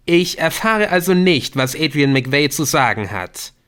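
A man reading an audiobook, voicing a grumbling teenage boy with a slow, weak voice. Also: medium pitch, sing-song, a bit bright, pitched above the performer's own voice.

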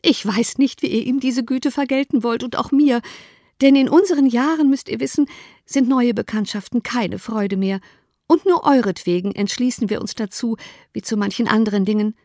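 A woman reading an audiobook, voicing an excitable, easily upset middle-aged mother with shrill, high-strung outbursts. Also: moderate pace, dry recording, clean studio sound, close to an everyday voice. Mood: gushing. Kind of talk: audiobook character voice.

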